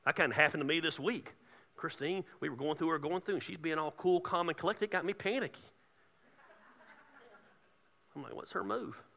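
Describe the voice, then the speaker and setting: A man preaching a sermon in a church, joking and conversational, then building up to shouting. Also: a little high, fast talker, in a large hall. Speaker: pastor. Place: church sanctuary.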